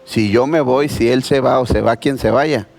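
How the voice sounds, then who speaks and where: A man, preaching a sermon in a church in a conversational, animated storytelling way. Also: medium pitch, normal speed, gravelly, faint music behind. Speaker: pastor.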